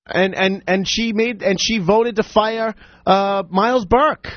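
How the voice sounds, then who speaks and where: A man hosting a talk radio show, giving opinionated commentary with sarcastic, animated asides. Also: high voice, slow pace, no room sound, dull audio. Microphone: studio microphone.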